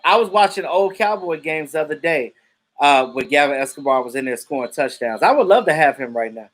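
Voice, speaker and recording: Slightly fast and animated, with a voice a little high and a bit bright, this live-stream host in his thirties chats casually about football and replies to viewers. He has Jamaican roots and is outspoken, swearing freely.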